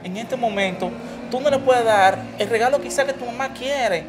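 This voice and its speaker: A woman's voice: on the high side, natural voice. A woman playing a tender consoling partner. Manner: soothing, tender. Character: gentle consoling partner of a sad daughter. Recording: clear music underneath.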